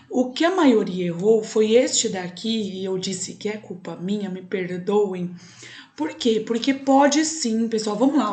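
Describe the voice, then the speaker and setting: A woman's voice: on the high side, darkish tone. A young adult woman with a Brazilian Portuguese accent, teaching a recorded online class and explaining step by step, often checking in with "tá?".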